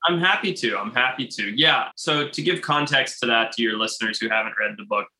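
Bright animated man in an echoey room. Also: mid-range voice, a little fast. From Zimbabwe. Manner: animated storytelling, laughs often. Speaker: wildlife biologist, author. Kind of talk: interview conversation.

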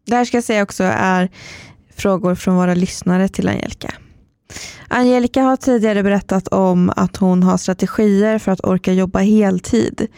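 A woman's voice: medium pitch, steady tone, gravelly, a little mellow, dry recording. Woman podcast host, dry sound. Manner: encouraging, asks follow-up questions. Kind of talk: casual chat.

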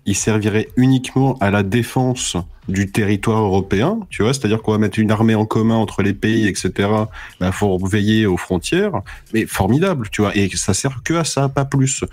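Blunt low-voiced man, slangy. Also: normal speed, darkish tone. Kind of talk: casual political chat.

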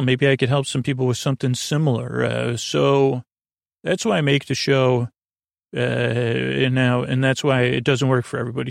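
A podcast host with a gravelly, mid-range voice runs a bedtime show, talking in a casual, meandering and halting way with goofy, reassuring asides. The audio is studio quality with no echo.

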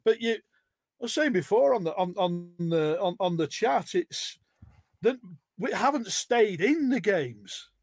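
A man on a football fan podcast panel, talking casually with lots of restarts and quick laughs. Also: sits high, lively intonation, no room sound. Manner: rambling with many restarts, laughs often.

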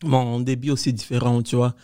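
A man's voice: a little fast, dry recording. A man from Cuba chats casually as a podcast guest, his voice sitting in a middle register. He tells stories with energy and slips into the voices of people he quotes. The sound is dry and close. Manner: animated storyteller, acts out quotes with high laughing voice. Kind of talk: casual conversation.

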